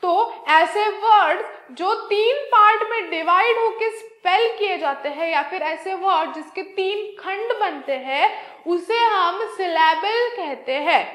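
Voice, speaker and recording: High-voiced Indian woman teaching slowly. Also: a bit bright, roomy sound. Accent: Indian English. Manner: slow, drawn-out spelling and repetition of example words; mixes Hindi with English phrases. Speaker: English teacher. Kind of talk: online exam-prep lesson.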